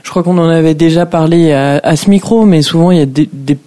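Dark-toned woman business guest. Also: low voice, a little fast. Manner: explanatory, hesitant. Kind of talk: radio interview.

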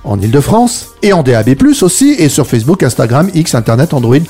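A man's voice: medium pitch, very animated, quick pace, dark tone, husky, soft background music. A man presenting a radio programme live, moving between announcements and casual chat with colleagues. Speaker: radio show host. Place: radio studio.

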